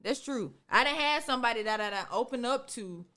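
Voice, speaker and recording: A young woman on a casual podcast, talking fast and candidly, pushing her points with emphasis. Her voice sits a little high for a woman, and she keeps cutting in over the others. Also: animated, bright, forceful tone. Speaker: podcast co-host. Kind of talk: casual group chat.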